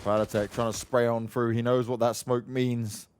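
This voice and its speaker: A man casting an esports match play by play, getting sharply louder and higher on big plays. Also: level tone, moderate pace, a little hiss or hum. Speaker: esports caster. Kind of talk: play-by-play commentary.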